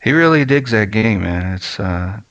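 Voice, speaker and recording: A laid-back man chats on a gaming podcast, hesitant and full of ums and uhs. His voice is deep and gravelly with a lot of fry. It is recorded dry and close. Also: lively intonation, normal speed, a bit bright, no room sound, highs cut off. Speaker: podcast co-host. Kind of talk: casual podcast chat.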